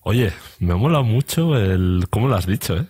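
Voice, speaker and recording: A man's voice: on the low side, expressive, over loud music. A man co-hosting a casual football podcast, rattling off transfer figures. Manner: fact-heavy, quick with transfer figures. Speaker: podcast co-host.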